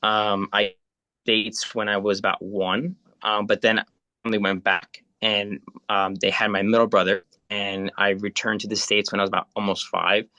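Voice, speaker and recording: A man's voice: fairly low pitch, level tone, normal speed, bright, forceful tone, no room sound. Chatty Italian-born man in his thirties. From Italy. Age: 30s. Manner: rambling, many fillers and restarts. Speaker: spiritual guide. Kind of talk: casual video call chat.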